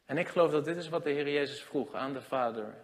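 A man preaching a sermon, swinging between loud emphatic lines and hushed low ones. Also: fast talker. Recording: long hall reverb.

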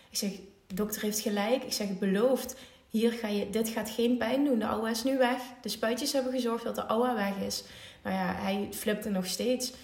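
A woman's voice: medium pitch, gravelly. A woman in her thirties with a Dutch accent, a mother telling a family story in a casual, emotional way and acting out the voices of the people in it. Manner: emotional, animated retelling with quoted voices. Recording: echoey room.

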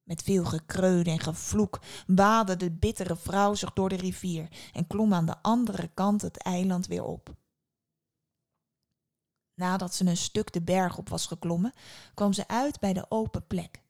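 A woman narrating a fairy tale for a podcast, expressive, slowing down and dropping to a hush in tense moments. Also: lowish voice, creaky. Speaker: storyteller.

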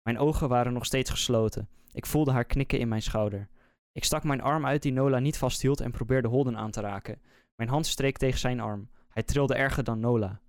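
Guy reading a creepy story slow and suspenseful, mid pitch, dry sound. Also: clear, resonant tone, no echo. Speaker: podcast host. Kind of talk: scripted horror story narration.

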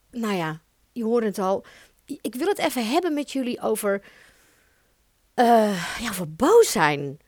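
A woman in her thirties with a Dutch accent, hosting her own podcast and talking in an expressive, emphatic way. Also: a little high, no echo, studio quality. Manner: intense, expressive, emphatic with swearing. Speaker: podcast host. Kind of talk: solo podcast monologue.

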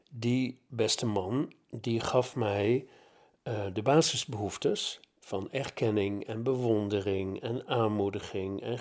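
A man's voice: mid-range voice, darkish tone. A middle-aged man telling a personal story about his school years, reflective and hesitant, with many fillers.

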